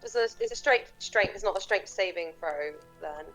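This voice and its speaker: A woman's voice: mid-range voice, lively intonation, normal speed, a bit bright, soft background music, poor audio. A woman with a northern English accent, chatting casually as a player in a tabletop game, self-deprecating.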